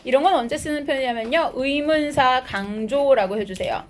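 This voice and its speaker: A woman teaching high school English, explaining a textbook passage in a lively lecture and reading out English phrases as she asks her students questions and answers them herself. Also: moderate pace, a little hiss or hum. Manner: switches between Korean explanation and English phrases.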